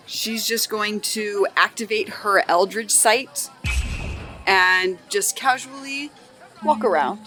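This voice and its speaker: A woman's voice: mid-range voice, slow pace, bright, forceful tone, faint music behind. A woman casually describing her character's moves as a player in a tabletop game.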